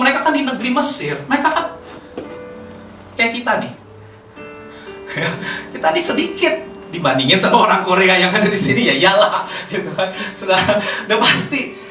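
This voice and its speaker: Brief: chatty Jakarta-accented woman preacher, bright lively voice, echoey church hall with faint music. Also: sits high, far from the mic. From Indonesia. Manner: chatty, laughs often, lively. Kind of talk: sermon.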